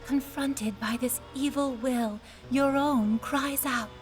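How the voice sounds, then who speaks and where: A grave young attendant of a mystic room, speaks in formal, archaic phrases. Her voice sits a little high. Soft game music plays behind her. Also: steady tone, slow pace. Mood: solemn. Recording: game audio with background music.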